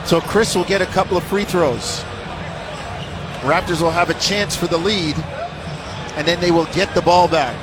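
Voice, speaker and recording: In a high voice at normal speed, pausing often, a man gives live basketball commentary in clipped, short phrases. Courtside noise fills the background: a crowd and balls bouncing in the arena.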